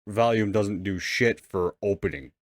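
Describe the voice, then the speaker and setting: A man's voice: fairly low pitch, a little slow, dry recording. A man co-hosting a podcast in loose, casual chat, swearing freely and rambling. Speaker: podcast co-host.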